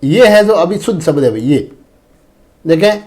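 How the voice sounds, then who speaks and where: With a warm, high-pitched voice, lively intonation, and moderate pace, a man runs an exam-prep lesson on spelling. His talk is repetitive; he frequently addresses viewers as friends and brother and says "dekhen" often.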